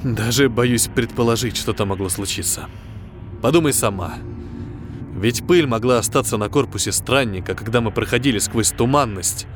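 A man's voice: medium pitch, normal speed, over music, voice pushed down, natural voice. Man playing a tense, commanding spaceship pilot. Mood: grim. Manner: urgent, firm orders. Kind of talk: science fiction audiobook.

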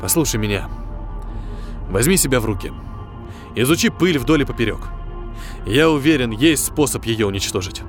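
A man's voice: medium pitch, expressive, normal speed, long pauses, natural voice. Commanding spaceship pilot , acted by a male reader, tense and firm, audiobook sci-fi, faint music underneath. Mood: firm, irritated. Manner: urgent, firm orders. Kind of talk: science fiction audiobook.

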